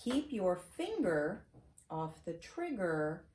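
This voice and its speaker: This middle-aged woman's voice sits on the low side and is a little mellow, with big swings in pitch as she reads slowly. She's sharing a children's picture book with her grandchild, encouraging them and dropping in chatty asides and comprehension questions. Roomy echo, faint noise and clicks come through from the wood-shelved home study where she sits.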